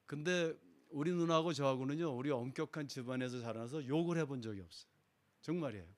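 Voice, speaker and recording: A man's voice: medium pitch, fast talker. Middle-aged man, church testimony, dramatic storytelling, acts out voices. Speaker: guest speaker giving testimony. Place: church sanctuary.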